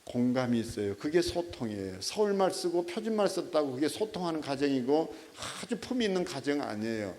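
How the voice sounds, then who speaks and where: A middle-aged man preaching a sermon as a pastor, telling stories with animation and prodding his listeners with quick rhetorical checks. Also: fairly high pitch, a little mellow.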